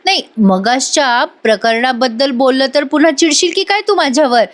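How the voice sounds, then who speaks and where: A wise, soft-spoken father who gives his daughter patient advice, read by a woman in her own high voice. Calm and caring, told in a story recap. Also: normal speed. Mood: gentle. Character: gentle, wise middle-aged father.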